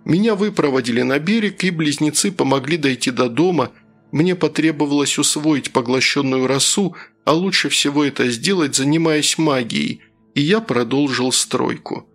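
A man reading a first-person fantasy audiobook in a steady storytelling voice. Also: fairly high pitch, normal speed, faint music behind. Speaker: audiobook narrator.

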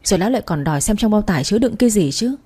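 A woman's voice: medium pitch, animated, racing, mellow, slightly rough. A woman voicing a man's blunt, loyal friend who speaks in an exasperated way. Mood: matter-of-fact.

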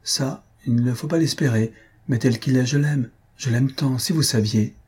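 A man's voice: mid-range voice, normal speed, a little mellow, breathy edge, voice pushed up. A man voicing a young wife, anxious and tender, in a read-aloud novel. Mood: loving.

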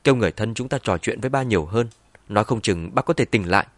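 A man's voice: lowish voice, animated, quick pace, no echo, close to an everyday voice. A man voicing a determined young woman who pleads earnestly with her mother in an audiobook. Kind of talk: audiobook character voice.

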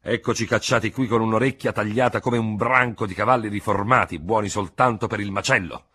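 A man voicing a proud, embittered old male cavalry general who blusters and speaks dogmatically, in a husky voice. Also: very deep voice, normal speed, heavily acted. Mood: indignant.

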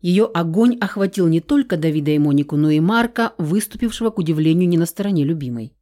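Woman narrator for a first-person audiobook: mellow, lowish voice, even and measured.

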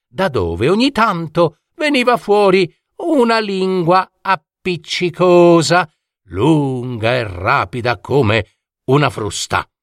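A man telling a fairy tale slowly and dramatically. His voice rises and falls widely, lingering on each phrase. The recording is dry and close. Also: a little high, no room sound. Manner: slow, expressive, dramatic. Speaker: storyteller.

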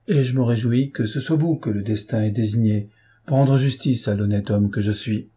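A man reading the part of an ironic, self-assured gentleman thief in an audiobook, composed and teasing. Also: mid-range voice, moderate pace, husky, lightly acted.

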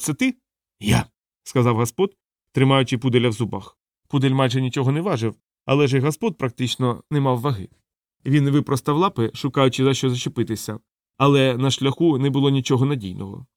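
A man reading an audiobook in measured storytelling narration. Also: medium pitch, a little mellow, no echo, clean studio sound.

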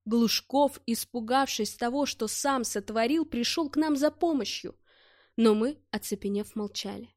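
Expressive woman reading an audiobook. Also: a little high, measured pace, dry recording. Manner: expressive storytelling. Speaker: audiobook narrator. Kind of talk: audiobook narration. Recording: dry close studio sound.

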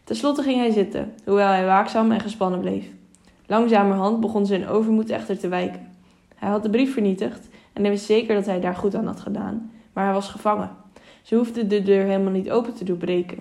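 A woman narrating an audiobook in a steady, measured reading voice, with small self-corrections. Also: medium pitch, gravelly. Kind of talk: storybook narration.

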